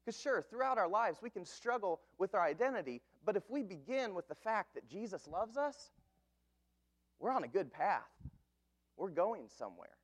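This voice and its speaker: Pastor in his thirties, high tenor; earnest, emphatic sermon delivery. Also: very animated. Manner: earnest, emphatic preaching with slow stressed phrases.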